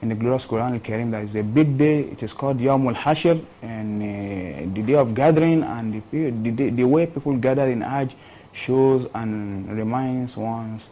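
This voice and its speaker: Mellow, halting male speaker. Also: medium pitch, dull audio, a little hiss or hum. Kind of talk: reflective comment.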